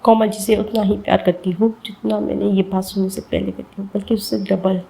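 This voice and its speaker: A woman's voice: medium pitch, little pitch movement, brisk, creaky, mellow, lightly acted, rough recording. A woman voicing a heartbroken young woman, stammering. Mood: resolute. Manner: stammering, choked pleading.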